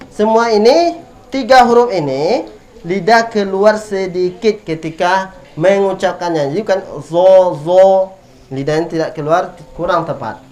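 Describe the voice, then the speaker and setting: A man with an Indonesian accent teaching Quran letter pronunciation, drilling each sound patiently and repeating it for students. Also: high-pitched.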